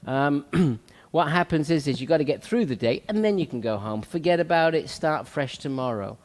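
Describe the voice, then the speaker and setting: A man with a somewhat high, slightly mellow voice hosts a talk show, speaking as a salon owner. He is earnest and motivational, repeats his key points, and uses lots of fillers. The recording has a long hall reverb.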